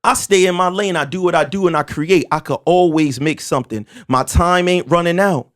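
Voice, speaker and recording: Street slang, quick restarts, and emphatic, animated energy mark this fortyish podcast host as he holds court on a casual show. His voice is fairly high, and he keeps pushing until his point lands.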